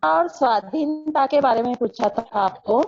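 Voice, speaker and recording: A woman's voice: high-pitched, a little slow, a little mellow, dull audio. A woman student asking a question in an online class, hesitant and repeating herself. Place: online video call class.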